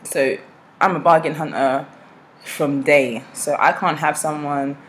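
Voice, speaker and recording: A woman's voice: deep voice, fairly even intonation, unhurried, a little hiss or hum, rough recording. A young woman with a South East London accent, chatting casually to camera in a playful way. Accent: South East London English. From born in Nigeria, raised in South East London. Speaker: vlogger.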